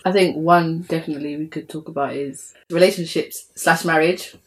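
A woman's voice: deep voice, steady tone, fairly quick, low-quality recording. A young woman co-hosting a casual podcast, talking reflectively and repeating points for emphasis. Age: young adult. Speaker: podcast co-host.

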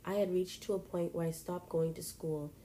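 A woman reading a first-person story aloud in a plain, steady manner. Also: fairly low pitch, normal speed, a little hiss or hum, rough recording.

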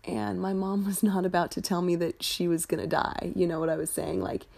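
A woman's voice: lowish voice, steady tone, a little fast, gravelly, a little mellow, a little hiss or hum. A woman hosting a podcast, telling personal stories in a candid, informal way with casual swearing. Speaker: podcast host. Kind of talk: confessional personal storytelling podcast.

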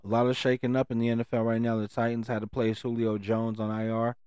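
A man's voice: mid-range voice, monotone, fast, darkish tone, clean tone, no room sound, clean studio sound. A man hosting a casual sports chat, talking in slangy frat bro fashion with some swearing. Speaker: sports talk show host.

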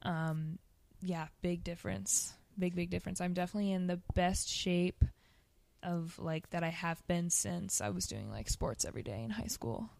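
A woman's voice: on the low side, normal speed, gravelly, darkish tone, a little hiss or hum. A young woman guest speaking casually in an interview, with hesitant, informal phrasing that tends to trail off. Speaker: podcast guest, ice bath coach.

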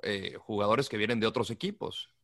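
A sports broadcaster on a podcast panel, making his point with quick, animated rebuttals in a casual debate. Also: on the low side.

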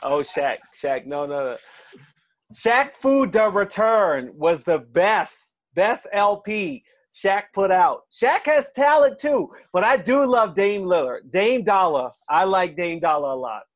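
Man co-host, reads odds and steers the chat, fairly high voice, dry close sound. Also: animated, a little slow, dry recording. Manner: leads the talk, reads odds, asks questions. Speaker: sports betting podcast co-host. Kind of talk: casual sports chat.

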